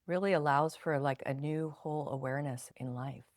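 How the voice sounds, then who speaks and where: A woman guest on a podcast, speaking gently and reflectively in long flowing thoughts. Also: low voice, fairly quick, no room sound, clean studio sound. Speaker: guest, spinal energetics practitioner. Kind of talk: conversational podcast interview.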